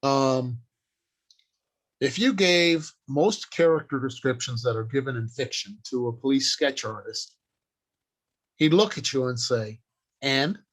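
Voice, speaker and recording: In short, declarative phrases punctuated by pauses, a man teaches as a workshop speaker with a deliberate, emphatic manner. He has a medium pitch and a fairly bright tone.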